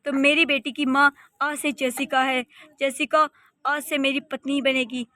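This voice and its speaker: A woman's voice: high-pitched, level tone, unhurried, pushed and bright, no room sound, studio quality. A woman voicing a stern young husband and father in a cartoon story, speaking firmly and in command. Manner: firm, commanding.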